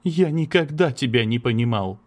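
A man's voice: medium pitch, expressive, normal speed, close to an everyday voice. A man voicing an anxious, lovesick young man who pleads earnestly, in an audiobook. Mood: pleading. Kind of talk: audiobook character reading.

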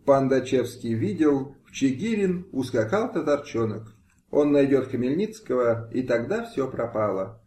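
Man narrating with lively expression. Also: mid-range voice, a little slow. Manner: expressive, dramatic reading. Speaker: audiobook reader. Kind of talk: amateur audiobook narration. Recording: roomy home recording.

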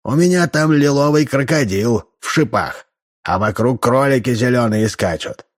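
A man's voice: medium pitch, lively intonation, normal speed, pitched above the performer's own voice, natural voice. A man voicing a drunk, boastful old troublemaker with a tipsy tenor voice. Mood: drunken bragging. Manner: slurred, boastful, belligerent.

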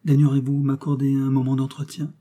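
A man reading the part of a composed young suitor who speaks softly but firmly. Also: mid-range voice, completely flat delivery, breathy edge, natural voice. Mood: quiet. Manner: soft-spoken, measured. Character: composed young male suitor, quiet and firm.

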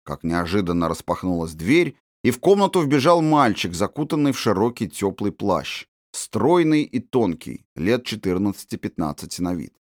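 A man's voice: on the low side, very animated, dry recording. Man reading a storybook, dry and close. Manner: measured, descriptive reading. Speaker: audiobook narrator. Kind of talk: scripted storybook narration.

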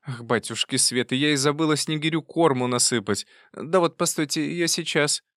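A man's voice: fairly high pitch, moderate pace, no echo, clean studio sound, voice pushed up, close to an everyday voice. Man putting on a bossy old aunt. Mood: fussy. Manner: fussy, chiding, loud.

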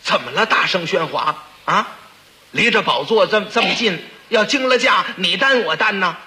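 A man's voice: high-pitched, expressive, normal speed, sharp tone, exaggerated voice. A man voicing a hot-tempered, portly old prince who blusters and scolds with stammering repeats. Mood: scolding.

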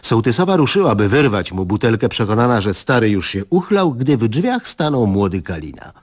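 Male comic reader, husky and lively in pitch, wry deadpan. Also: normal speed. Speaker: narrator of a comic story. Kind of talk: comic story reading.

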